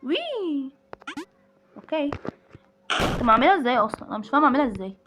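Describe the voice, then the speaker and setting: A woman's voice: high-pitched, very animated, very fast, music in the background, poor audio. A woman with an Egyptian Arabic accent, hosting a game playthrough and exclaiming at each surprise in the game. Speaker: gaming channel host. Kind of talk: let's play commentary.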